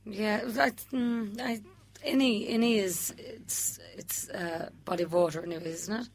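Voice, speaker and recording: A woman's voice: mid-range voice, fairly even intonation, a little slow. A woman from Mayo with a west of Ireland accent, talking casually as a contestant in a quiz. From County Mayo, west of Ireland. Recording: noticeable background noise and hum.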